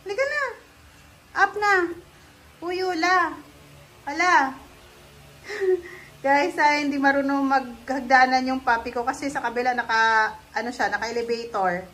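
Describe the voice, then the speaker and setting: A woman chatting casually in a home vlog, talking to viewers and coaxing her puppy in a high sing-song voice. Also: fairly even intonation, measured pace, pauses often, fairly bright tone, rough recording. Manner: chatty, talks to viewers while doing chores. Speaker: vlogger. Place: home indoors, stairs and rooms.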